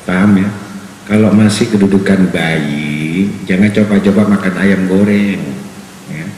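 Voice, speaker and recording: Slow-talking preacher man in echoey hall. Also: steady tone, a little mellow. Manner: humorous, acts out crying worshippers in high voices. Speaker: religious teacher. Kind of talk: Quran commentary sermon. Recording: echoey hall, faint noise.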